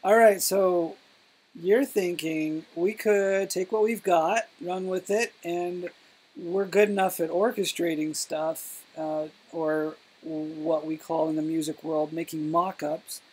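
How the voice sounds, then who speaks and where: A woman in a casual live chat, speaking at a very slow, unhurried pace. Her voice is breathy and hushed, a little lower than most. She halts and trails off as she thinks. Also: fairly even intonation, rough recording. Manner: slow, halting, often trailing off while typing. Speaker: co-host of a live Q&A.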